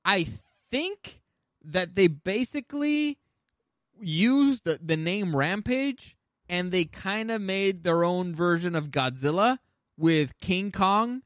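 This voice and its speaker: A male podcast co-host chats casually and informally, with some swearing, while ranking video game movies. His high-sitting voice is expressive, slow and a bit bright, captured in a dry, clean studio recording.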